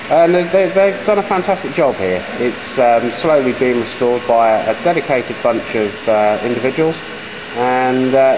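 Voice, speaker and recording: A man chatting in a rambling way as an amateur radio operator during a radio contact. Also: medium pitch. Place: working pumping station beam room. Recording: clear background noise from machinery room.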